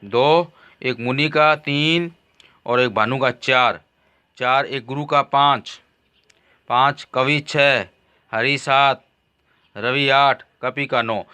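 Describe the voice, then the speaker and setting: A male teacher who speaks at an unhurried, deliberate pace. He recites each word form one at a time as he walks his students through the lesson. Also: medium pitch, bright, forceful tone, clear, resonant tone. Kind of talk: classroom lesson. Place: school classroom.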